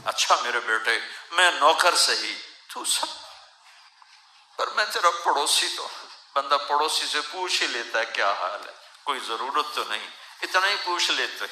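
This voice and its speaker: A man's voice: mid-range voice, big pitch swings, bright, forceful tone, roomy sound, slight background noise, rough recording. A man preaching an emotional sermon, weeping as he speaks, in a pleading, lamenting way. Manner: tearful, pleading, recites verse in a rising lament.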